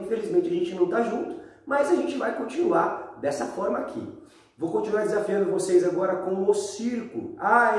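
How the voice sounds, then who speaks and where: A man in his thirties with a Brazilian accent, giving a casual, chatty lesson to schoolchildren. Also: high voice. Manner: animated, chatty, addressing pupils directly. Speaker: school physical education teacher. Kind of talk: casual video lesson for children. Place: bare indoor room at home. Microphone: camera a few metres away. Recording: very echoey room, distant microphone.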